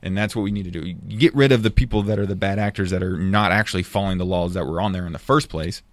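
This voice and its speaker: A man's voice: deep voice, quick pace, no room sound. A man talking passionately as a podcast guest, often repeating words as he works through a thought. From United States. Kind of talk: casual discussion.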